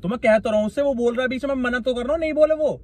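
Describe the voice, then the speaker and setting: A man's voice: extremely high pitch, fairly even intonation, rapid-fire, crowd noise. A man arguing bluntly and mockingly with a friend in a car, in a comedy sketch. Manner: blunt, mocking, repeats himself. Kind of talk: scripted comedy sketch argument. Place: inside a parked car.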